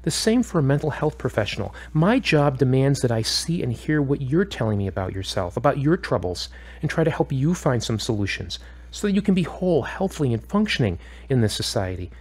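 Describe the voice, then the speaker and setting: A slightly rough, medium-pitched male voice portrays a probing, calm therapist in a scripted audio drama. The delivery is measured, instructive and questioning, with a stern, firm mood.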